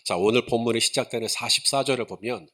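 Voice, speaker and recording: A man's voice: medium pitch, fast talker, fairly bright tone. A man preaching a sermon to his congregation, chatting and asking questions, then building to emphatic points. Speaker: pastor.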